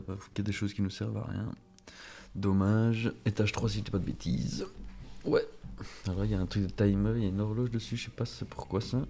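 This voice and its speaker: A French-speaking gaming streamer with a fairly low, mellow voice casually narrates his own let's play. He's chatty and self-mocking, swearing under his breath.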